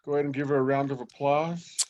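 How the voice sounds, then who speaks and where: A man's voice: mid-range voice, fairly even intonation, fast talker, a little mellow, highs cut off. A man hosting a casual online chat show, talking in a drawling, playful way over a video call. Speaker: channel host.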